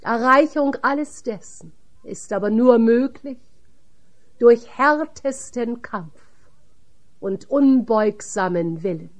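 A woman reading the part of Jesus as a calm, solemn teacher in a measured audiobook voice. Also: on the high side.

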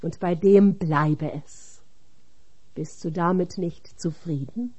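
Woman reader, solemn scripted reading, very slow, dark mellow tone. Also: fairly low pitch, fairly even intonation, breathy edge.

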